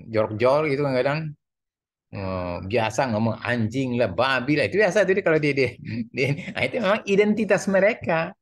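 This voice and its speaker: A middle-aged man with an Indonesian accent giving a casual university lecture, rambling, repeating words and laughing at his own jokes. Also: mid-range voice.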